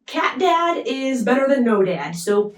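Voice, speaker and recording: A woman tells a story in a slow, chatty, casual way, pausing often and adding asides. Her voice is on the higher side, and she sounds set back from the mic in a roomy space. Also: sing-song, far from the mic, soft background music. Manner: chatty, unhurried, with pauses. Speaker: storyteller summarizing an opera.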